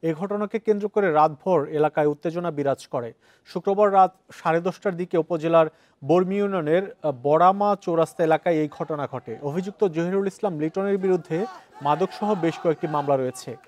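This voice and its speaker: A man's voice: on the high side, fairly quick, a little mellow. A man with a Bangladeshi accent narrating a scripted news report as a reporter.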